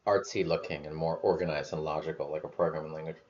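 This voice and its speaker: A vlogger with a very deep, darkish voice talks quickly in a steady tone, rambling through his thoughts loosely with lots of fillers, restarts and the occasional casual swear. The recording has a dull, lo-fi sound.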